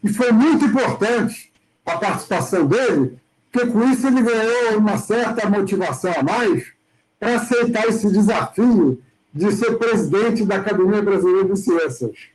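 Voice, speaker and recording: A man's voice: high-pitched, animated, normal speed, darkish tone, poor audio. A man moderating an online colloquium who politely cuts in to add a clarification about the speaker. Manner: polite interjection, formal. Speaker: session moderator.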